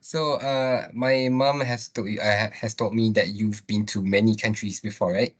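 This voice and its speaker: A man conducts a student interview in a polite, halting way. His voice sits a little low. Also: steady tone. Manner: polite, hesitant. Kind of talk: interview questions.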